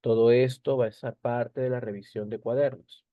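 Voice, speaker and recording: A man's voice: mid-range voice, steady tone, normal speed, no echo, narrow, tinny audio. A male teacher explaining a lesson over slides, repeating key points and checking in with short tag questions.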